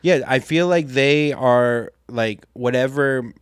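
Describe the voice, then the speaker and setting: A man's voice: mid-range voice, slow pace, clear, resonant tone, dry recording, studio quality. A man co-hosting a podcast, joking around in casual chat with crude gags and frequent laughs. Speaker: podcast co-host.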